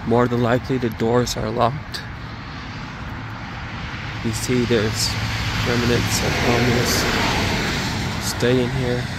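A man's voice: mid-range voice, monotone, takes it slowly, long pauses, very noisy. A young adult man narrating a casual exploration vlog, recorded outdoors on a handheld phone. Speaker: vlogger, urban explorer. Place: outdoors at night by an empty building. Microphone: handheld phone at arm's length.

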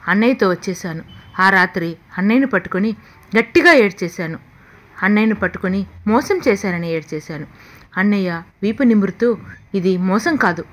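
A woman narrating a sad first-person story as an audiobook reader, slow and heartfelt. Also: medium pitch.

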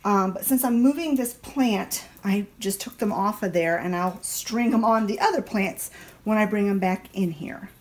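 A middle-aged woman vlogs while tidying her country house, chatting casually and explaining things as she goes, often restarting her sentences. Her voice is medium-pitched at a moderate pace, recorded on a handheld phone camera indoors among rooms with plants and a kitchen.

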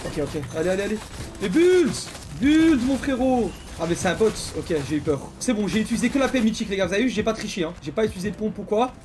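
A young man commenting his own gameplay, excitable and slangy, taunting the players he fights. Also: high voice, rapid-fire, few pauses, noisy background. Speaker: gaming YouTuber. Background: game music and gunfire.

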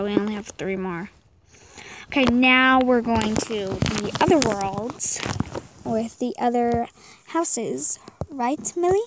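A woman's voice: on the high side, background noise. A young girl chatting casually and rambling while commenting on a game at a friend's house. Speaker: guest commentator.

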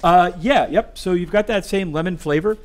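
Upbeat chef talking to viewers. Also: male voice, sits high, normal speed. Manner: upbeat, enthusiastic, addresses viewers as guys. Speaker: chef cooking on a live show. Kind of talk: live cooking demo chat.

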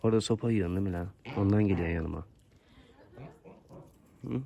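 A man with a somewhat low voice chats to his geese outdoors, coaxing and teasing them as if they were his children. Faint outdoor noise sits under his casual vlog talk. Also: fairly quick, creaky, lo-fi sound. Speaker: goose keeper filming his geese.

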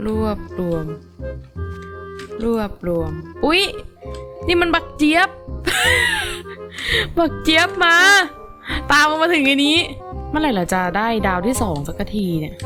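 A young adult woman giving casual, animated gameplay commentary as a gaming YouTuber, exclaiming and chatting to her viewers. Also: medium pitch.

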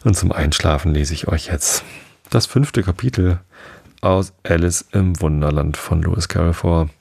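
A man hosting a sleep podcast, reading a storybook aloud in a slow, soothing, unhurried way. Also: low-pitched, vocal fry, a little mellow, husky, dry recording, studio quality. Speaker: podcast host and reader. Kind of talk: calm bedtime story narration.

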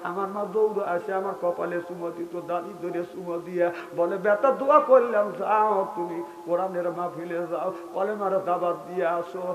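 Male preacher, high and ringing tone, chanting sermon story, echoey loudspeaker sound. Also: brisk, slight background noise. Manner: chanting, surging to shouts, tearful storyteller. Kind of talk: Islamic waz sermon storytelling. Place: open-air religious gathering. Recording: echoey PA sound with faint music.

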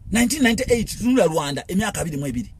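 With slight noise in the background, a Ugandan-accented man whose animated voice sits high launches into a passionate political rant. As a commentator, he moves fast, circling back to the same phrases and throwing out one rhetorical question after another.

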